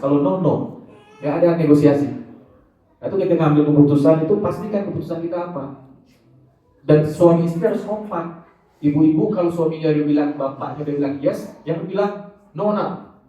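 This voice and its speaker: A male Islamic preacher giving a lively, joking religious study talk, calling out to his listeners as he speaks. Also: a little high. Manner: animated, joking, addresses audience as Pak and Bu. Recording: echoey hall, distant, dull sound.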